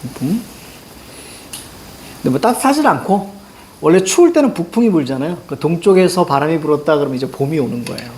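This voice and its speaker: Chatty male teacher with a higher voice. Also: very animated, fairly quick, pauses often, a little mellow, slight background noise. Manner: chatty, tells stories and acts out quotes with a raised voice. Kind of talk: classroom lecture on classical poetry.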